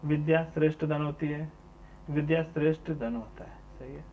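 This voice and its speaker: A man's voice: fairly high pitch, steady tone, moderate pace. A man teacher going through exam questions one by one, repeating each question number and then answering it himself. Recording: dull lo-fi sound with mains hum.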